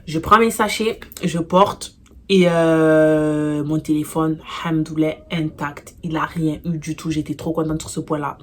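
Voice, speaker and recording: A woman casually telling a personal story for her vlog, animated and slangy, full of fillers, getting louder and more intense as the tale heats up. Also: deep voice, unhurried. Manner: gets louder and more intense while recounting the fight.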